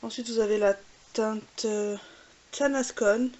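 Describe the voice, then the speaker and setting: A woman's voice: a little high, steady tone, slow, a little mellow. A woman with a French accent, chatting casually with many fillers while showing makeup swatches. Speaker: beauty vlogger. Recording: faint hiss.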